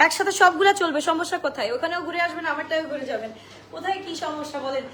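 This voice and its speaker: A high-pitched young woman hosts a live clothing sale, talking brightly to her viewers. She mixes English words into her patter and reads off sizes in a quick sing-song list. Her voice bounces around an echoey room with faint noise behind it. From Bangladesh. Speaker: online clothing seller. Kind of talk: live-stream sales pitch.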